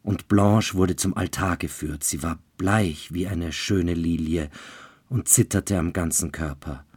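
Slow, deep-voiced male storyteller. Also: darkish tone, slightly rough, no echo. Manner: measured, deliberate narration. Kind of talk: fairy-tale storytelling.

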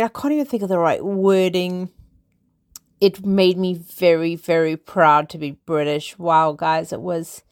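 A woman from Africa, hosting a casual solo podcast from her small flat. She rambles in an upbeat way and repeats words. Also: fairly low pitch, no room sound, clean studio sound. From South Africa. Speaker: podcast host.

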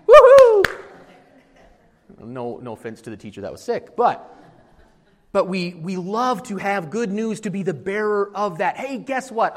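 A male pastor preaching a sermon, addressing his congregation with questions and moving between quiet explanation and emphatic, rising passages. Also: medium pitch.

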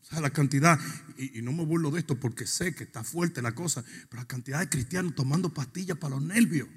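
Preacher man, high gravelly voice, sharp and a bit husky, goes quiet then shouts sing-songy, big churchy echo. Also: fast talker. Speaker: pastor. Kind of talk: sermon. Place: church sanctuary. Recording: long reverb of a church hall.

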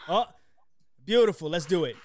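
A man's voice: high voice, expressive, normal speed, a little mellow. A man in his late twenties hosting a casual talk show, joking and teasing his guest. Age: 20s. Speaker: podcast host. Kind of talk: casual chat.

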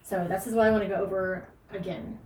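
A woman's voice: mid-range voice, fairly even intonation, fast talker. A woman podcast host giving casual, emphatic fitness and nutrition advice, with frequent fillers. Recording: echoey room, distant mic, faint noise.

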